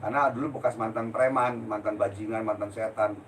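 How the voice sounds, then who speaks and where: A blunt older man who sounds a little breathless, preaching without any gentleness in a forceful street manner. He is heard from some distance from the mic, with a faint hiss under the voice. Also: lowish voice, fairly even intonation, a little fast. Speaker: spiritual healer. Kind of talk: live-stream religious talk.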